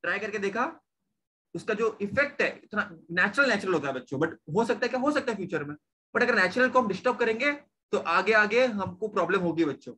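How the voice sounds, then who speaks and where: A man's voice: high voice, animated, fast talker, sharp tone. A young man teaching a science class, repeating questions to his students and mixing in English terms. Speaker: science tutor. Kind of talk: online class lecture.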